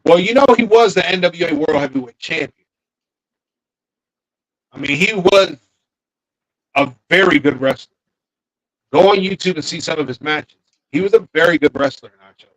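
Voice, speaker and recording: A man with a notably high voice co-hosts a relaxed podcast chat. He thinks out loud, drifts off mid-sentence and starts again. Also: moderate pace, long pauses, rough recording. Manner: thinking aloud, trailing off and restarting. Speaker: podcast co-host. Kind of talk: casual wrestling chat.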